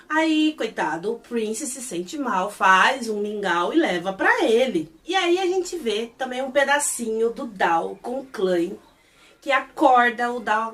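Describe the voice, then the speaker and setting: A woman with a Brazilian Portuguese accent, an animated and gossipy reviewer who recaps a series episode and acts out the characters' quotes. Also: a little high, distant mic.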